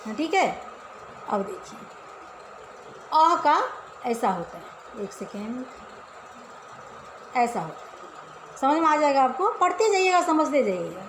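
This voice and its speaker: A woman's voice: high-pitched, big pitch swings, takes it slowly, pauses often, slight background noise. A woman teacher giving a casual class to children, explaining step by step and often asking the pupils questions. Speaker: Hindi teacher. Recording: echoey room with faint ambience.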